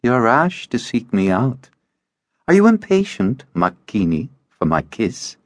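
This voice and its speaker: A cold, seductive female vampire demon, voiced by a man in an audiobook. She purrs and taunts, silky and unhurried. The sound is close and dry, with no room around it. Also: medium pitch, huge pitch swings, no echo, voice pushed up. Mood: seductive taunting.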